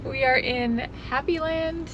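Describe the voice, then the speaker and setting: A woman's voice: high-pitched, measured pace, lo-fi sound, background noise. A woman from Canada, an RV travel vlogger, narrating and chatting casually with her partner, often laughing and teasing.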